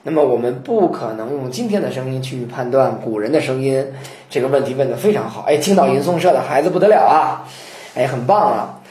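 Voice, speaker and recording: A man teaching the chanting of classical poetry, explaining in a lively lecture and breaking into slow chanted verse. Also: medium pitch. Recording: roomy echo.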